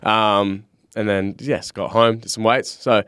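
A man's voice: fairly low pitch, steady tone, a little slow, fairly bright tone, clean tone, dry recording, clean studio sound. A young man with a broad Australian accent, co-hosting a podcast in a laid-back, matey, slangy way. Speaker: podcast co-host. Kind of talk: casual podcast chat.

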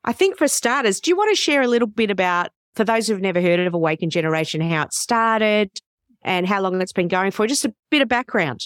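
A woman's voice: medium pitch, animated, fairly quick, smooth, no echo, studio quality. A woman hosting a faith podcast, asking questions and chiming in with eager short reactions. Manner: warm interjections, enthusiastic backchannel. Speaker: podcast host. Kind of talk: podcast interview.

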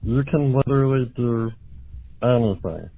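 A man leaving a crude, rambling voicemail through a deep pitch-shifted voice changer. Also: lively intonation, measured pace. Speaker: voicemail caller. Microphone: phone. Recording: tinny phone voicemail with faint hiss.

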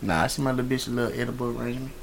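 A man's voice: mid-range voice, steady tone, very fast, creaky, a crowd in the background. A man co-hosting a casual podcast with bro-ish, boastful, profane slang. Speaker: podcast co-host. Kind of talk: casual group banter.

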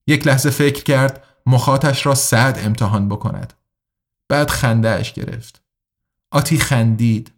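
A man narrating an audiobook in a measured, even reading voice. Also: medium pitch.

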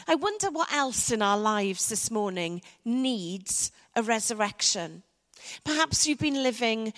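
Woman, preacher, slow, unhurried sermon, long reverb from a church hall. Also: a little high. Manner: slow, reflective delivery with soft dramatic pauses.

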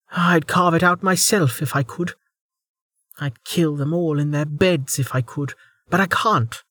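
A man's voice: very high-pitched, sharp tone, breathy edge, no room sound, studio quality, voice pushed up, full character voice. A man voicing a hissing, cornered woman warrior. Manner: snapping, hissing through her teeth. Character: furious cornered female rogue warrior.

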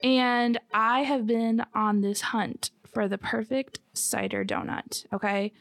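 A woman's voice: a little high, steady tone, takes it slowly, a bit bright, dry recording, clean studio sound. A woman from Michigan with an American accent, chatting casually as a podcast co-host. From Michigan, United States. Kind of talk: casual conversational chat.

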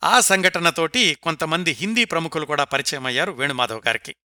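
Male narrator, fairly high, very bright tone; scripted biography read, dry close mic. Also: a little fast, dry recording.

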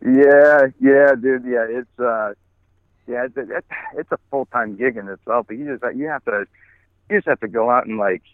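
A man in his forties, a guest who founded an app, phones in while out walking his dog, and the line sounds tinny. His mid-range voice moves at a moderate pace with no room sound, and he talks casually, restarting often and swearing plenty.

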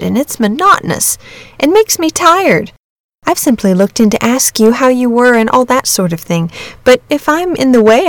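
A woman's voice: a little high, no room sound. A woman voicing a weary, polite young boy who is a little huffy, in a storybook reading.

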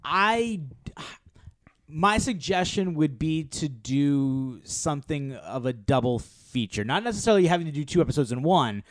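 A man's voice: fairly high pitch, expressive, no echo. A man co-hosting a podcast, chatting casually and often restarting his phrases. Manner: halting, restarts phrases, wraps up the show. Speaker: podcast co-host. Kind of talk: casual chat.

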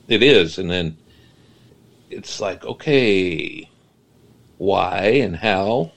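A middle-aged man with a low, gravelly voice talks as a guest on a casual podcast. He stumbles and repeats words before settling into long explanations. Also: expressive. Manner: halting, repeats words, then explains at length. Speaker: guest Bigfoot researcher.

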